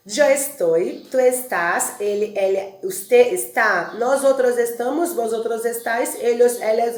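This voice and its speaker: A woman with a Brazilian Portuguese accent teaching a Spanish review lesson, drilling verb forms and lists slowly and checking in with rhetorical questions. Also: medium pitch, darkish tone, reverberant. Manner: explains patiently, asks rhetorical check-ins. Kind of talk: recorded classroom review lesson.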